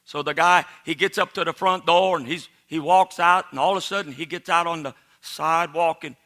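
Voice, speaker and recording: A male comic storyteller with a Cajun accent and a high, very bright, forceful voice. He rambles in a folksy way, circling back over his phrases as he builds the tale. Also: steady tone, brisk. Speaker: comedian, joke teller.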